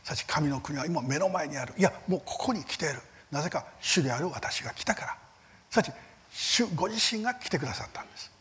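Male Bible teacher, church seminar lecture; earnest, emphatic, with rhetorical questions and a very animated, rising and falling pitch. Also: quick pace, a little hiss or hum. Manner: lively rises in pitch on key words, soft fading line ends.

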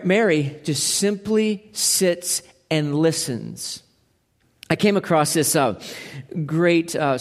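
A man in his fifties with a fairly high voice delivers an earnest, conversational sermon. He talks like a pastor chatting with his flock and often trips into restarts. His voice rings out with a long reverb, as in a big hall.

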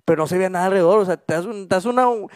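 A young man with a Mexican Spanish accent co-hosting a casual podcast, chatting in a relaxed, slangy way. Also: sits high, very fast, no echo, clean studio sound. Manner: relaxed, slangy, laughs often. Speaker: podcast co-host.

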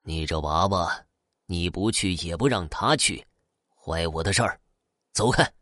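A man's voice: sits low, a bit bright, dry recording, studio quality. Man doing a sly old weasel spirit. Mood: angry. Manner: coaxing, slow, turning menacing.

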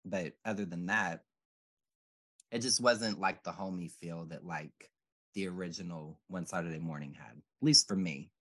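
A man with a very low voice, chatting casually with friends. He talks in a loose, rambling, reflective way, full of fillers. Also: normal speed, a bit bright. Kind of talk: casual chat.

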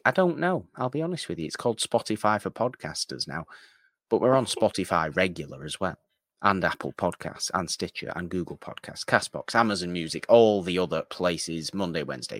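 A man with a low, deep voice rattles off podcast plugs in a relaxed, rambling way. The sound is dry and close, with no room around it. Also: no echo. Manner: rambling, self-correcting plugs. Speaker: podcast co-host. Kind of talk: casual podcast sign-off.

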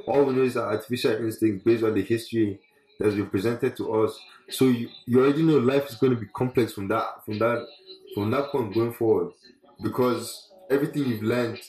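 A man's voice: medium pitch, a little mellow. A man talking casually and reflectively, making earnest points with emphatic repetition. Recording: roomy, echoey sound.

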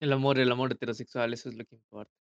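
A man's voice: medium pitch, steady tone, racing, dry recording, lo-fi sound. Young man with blunt dry one-liners. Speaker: co-host. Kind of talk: casual comedic chat.

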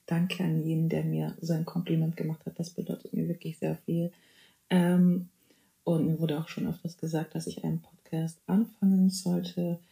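A woman's voice: low-pitched, little pitch movement, moderate pace, creaky, dark tone, reverberant. A woman in her twenties hosting a casual solo podcast, chatty and playful, mixing German with English phrases and dropping in amens. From Germany (Bavaria). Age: 20s. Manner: praise interjections like amen and hallelujah. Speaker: podcast host.

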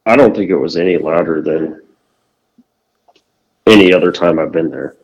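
A man co-hosting a podcast by video call, his voice echoey and boomy as if in a small tiled room. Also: moderate pace, vocal fry, dull audio. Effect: echoey, boomy sound over a video call. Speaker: podcast co-host calling in. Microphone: phone on a video call. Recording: echoey phone audio from off-mic.

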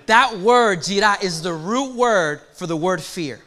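Young male pastor, high voice, bright tone, sermon delivery, swings from soft to loud. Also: animated, a little slow. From Puerto Rico. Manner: dynamic preaching with big swings from hushed to loud.

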